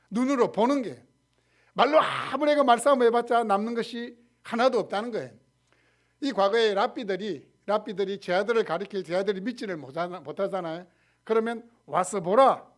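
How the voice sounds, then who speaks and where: A man preaching a Sunday sermon as pastor, asking the congregation questions and acting out quotes, with loud stresses and quiet trailing phrases. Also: high voice. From South Korea.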